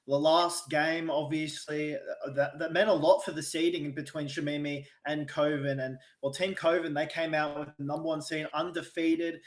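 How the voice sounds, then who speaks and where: A man's voice: fairly high pitch, level tone, normal speed, hardly any pauses. A man casting an esports tournament, chatting in an upbeat, hype-driven way. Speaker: esports caster. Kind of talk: casual play-by-play desk chat. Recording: roomy echo.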